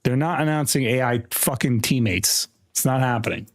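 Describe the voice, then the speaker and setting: A man's voice: medium pitch, normal speed. A man hosting a livestream, chatting casually, joking crudely and laughing often. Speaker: livestream host.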